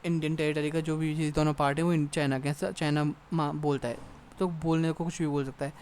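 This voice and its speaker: A young man teaching an exam-prep lesson, reading English text slowly and then explaining it casually with frequent check-ins. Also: fairly high pitch, little pitch movement, darkish tone, a little hiss or hum. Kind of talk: exam-prep lecture in Hindi mixed with English.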